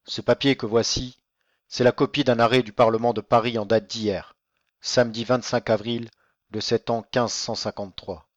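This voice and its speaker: Rôle : un homme faisant un huissier gêné, voix basse ; prise sèche, un peu terne. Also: male voice, little pitch movement, normal speed, no room sound, lo-fi sound, lightly acted. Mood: ashamed. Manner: low, ashamed delivery.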